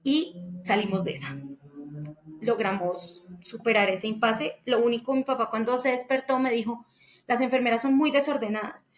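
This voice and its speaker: Woman, fairly high voice, heartfelt personal testimony with faith and restarts. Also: animated, brisk, faint music behind. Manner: emotional, faith-filled storytelling with frequent restarts. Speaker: daughter telling her father's story.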